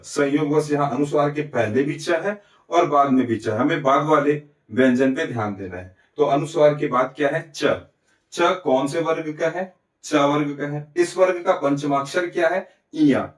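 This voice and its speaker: A man's voice: on the high side, normal speed. A man teaching a Hindi grammar lesson with a Chhattisgarh accent, explaining step by step and answering his own questions. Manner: often adds "ठीक है?" and "है ना?" to check understanding. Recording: echoey room, recorded from a distance.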